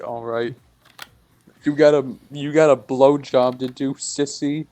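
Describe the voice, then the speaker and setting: A man's voice: medium pitch, steady tone, unhurried, mellow. Crude, teasing man reading fanfic. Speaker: reader. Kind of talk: reading a fanfic aloud between banter.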